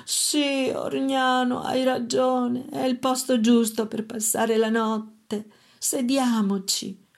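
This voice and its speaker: Storybook peasant mother, woman reader: tired, worried, slow and soft, a bit higher. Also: flat delivery, creaky. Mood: weary.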